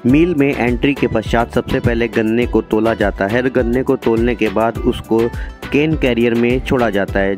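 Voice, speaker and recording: A man's voice: mid-range voice, darkish tone. Man narrating a factory tour. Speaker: vlogger explaining a factory. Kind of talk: explanatory voice-over narration.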